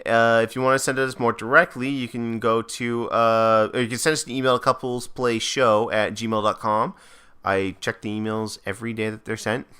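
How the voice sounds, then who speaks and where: A man's voice: mid-range voice, flat delivery, moderate pace, pushed and bright, clear, resonant tone. A man co-hosting a casual couples podcast, rambling and giggling, trailing off as he hiccups from hunger. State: hiccuping, hungry. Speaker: podcast co-host.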